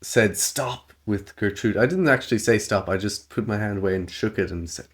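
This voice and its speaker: A man co-hosting a podcast in casual chat, laughing often and slipping into silly falsetto voices when quoting. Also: fairly quick. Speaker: podcast co-host.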